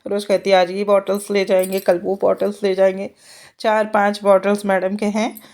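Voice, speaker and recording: A woman's voice: mid-range voice, monotone, moderate pace, darkish tone. A woman in her thirties, a mother chatting casually in a home vlog while she gets her children ready, laughing often. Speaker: vlogger mother.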